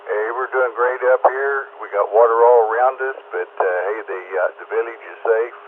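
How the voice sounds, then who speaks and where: A man's voice: medium pitch, normal speed. American man over staticky ham radio. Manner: folksy, neighbourly phrasing. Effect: two-way radio transmission with static. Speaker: amateur radio operator checking in. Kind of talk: casual radio check-in chat. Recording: narrow-band ham radio with static noise.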